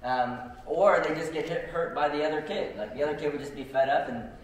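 A man's voice: a little high, fairly quick. A young man preaching a casual sermon, telling stories with many ums and likes. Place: church sanctuary. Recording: very echoey church hall, distant mic.

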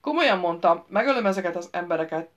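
A woman's voice: lowish voice, animated, highs cut off, lightly acted. A woman reading an audiobook and voicing a wounded male thief who roars threats. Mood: threatening. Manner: roaring threats.

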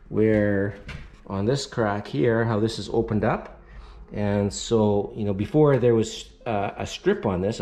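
Low-voiced man in an echoey room. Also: a little hiss or hum. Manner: relaxed, rambling, many fillers. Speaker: renovation vlogger. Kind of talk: casual how-to walkthrough. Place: inside an empty mobile home. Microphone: action camera held at arm's length.

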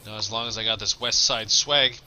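A man's voice: on the low side, steady tone, brisk, sharp tone, slight background noise. A man chatting casually while playing a heist game with a friend on stream, joking around and tossing out goofy lines. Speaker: gamer streaming. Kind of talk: casual gameplay chat.

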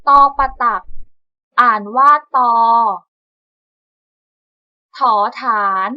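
A woman teacher reciting the alphabet for young children, repeating each item in a measured call-and-response pattern. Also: high voice, no echo, highs cut off. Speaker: primary school teacher.

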